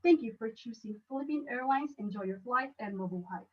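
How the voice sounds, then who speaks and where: A woman with a Filipino accent putting on the voice of a calm, polite flight attendant making a soft announcement. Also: on the high side, a little fast, distant mic, lo-fi sound, natural voice.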